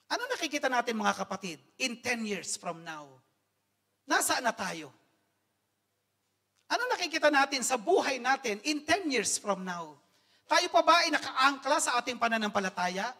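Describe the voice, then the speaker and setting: Filipino guy preaching his testimony, really high voice, mixes in english, gets loud and fired up. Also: very animated, normal speed, long pauses. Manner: earnest, addresses the congregation as brethren, mixes English phrases; swells to loud exhortation. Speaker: lay preacher sharing testimony. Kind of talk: testimony sermon.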